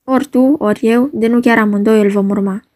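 A woman's voice: a little high, steady tone, darkish tone, lightly acted. A woman reading as Romeo, anguished young lord. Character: young nobleman, grieving and vengeful. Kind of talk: dramatic reading of a play.

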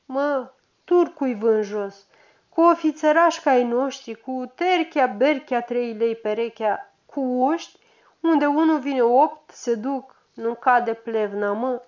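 A woman's voice: high voice, darkish tone, natural voice. Woman doing a grumpy doubtful guy in a tavern, scoffs and argues back, muffled recording. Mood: scoffing. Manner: scoffing, argumentative. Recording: dull lo-fi recording.

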